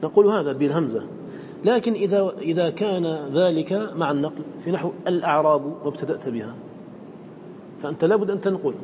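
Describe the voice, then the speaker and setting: A man teaches a class on Quran recitation in a fairly high voice. He keeps asking his students questions and then answers them himself, now and then chanting verses in a melodic style. A faint hiss of noise sits behind the recording. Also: expressive, quick pace, a little mellow. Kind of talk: classroom lesson explaining a poem on recitation.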